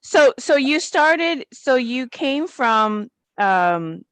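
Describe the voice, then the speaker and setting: A woman hosting an interview, giving brief, unhurried prompts to her guest. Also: high-pitched, very animated, a bit bright, no room sound. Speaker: host. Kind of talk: casual interview talk.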